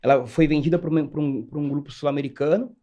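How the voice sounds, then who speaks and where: A man in his forties from São Paulo. He tells his story quickly and with animation. His voice sits a bit high. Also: mellow, dull audio. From São Paulo, Brazil. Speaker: guest, cybersecurity executive. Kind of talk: casual interview storytelling.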